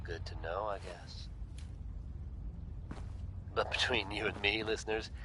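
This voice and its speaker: A folksy, wry radio DJ from a video game, chatting to his listeners. The voice is low yet very bright and forward, with faint noise behind it. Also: fairly even intonation, unhurried. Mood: chatty, wry. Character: smooth-patter male radio DJ addressing his listeners.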